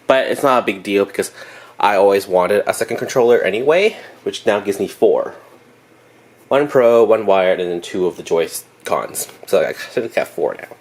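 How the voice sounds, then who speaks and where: A man's voice: on the low side, lively intonation, normal speed. A young man chatting casually in a rambling vlog, laughing often and correcting himself, sounding congested from allergies. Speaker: vlogger.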